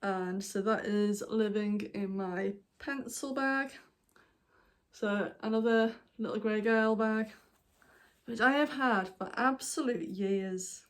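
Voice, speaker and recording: Her voice is on the high side, slow, and marked by long pauses. She hosts a knitting podcast from the UK, and between hiccups she shows her projects in a casual, meandering show-and-tell vlog with lots of ums and apologies.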